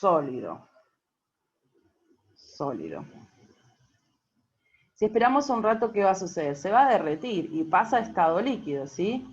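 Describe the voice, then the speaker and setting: A woman's voice: medium pitch, lively intonation, fast talker, hardly any pauses, a little mellow. A woman teacher explains a worksheet patiently, checking in often with the class. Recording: dull lo-fi recording.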